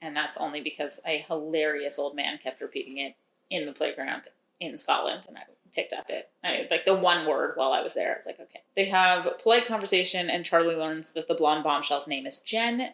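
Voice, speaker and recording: Low-pitched but fairly bright, her voice moves a little fast and rings with reverb. As a podcast co-host she casually recaps a romance novel, wry and chatty, with frequent laughter.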